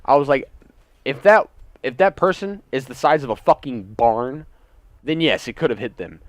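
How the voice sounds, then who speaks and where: A young gaming YouTuber, somewhere between his teens and young adulthood, tells an indignant, sweary story time over gameplay from indoors at home. His medium-pitched voice has lively intonation and a moderate pace, with no echo.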